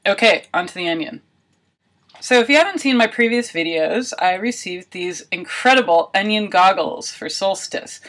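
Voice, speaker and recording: On the low side and fairly bright, this woman's voice belongs to a video blogger narrating a homemade experiment. She talks casually, thinking out loud, with a wry, self-deprecating sense of humour.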